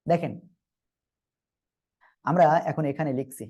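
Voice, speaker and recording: A man's voice: a little high, steady tone, a little slow, mellow, husky, highs cut off. A man teaching Arabic letters in a Quran reading lesson, patient and repetitive, often checking that learners follow. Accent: Bangladeshi Bengali. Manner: patient, repeats and checks understanding.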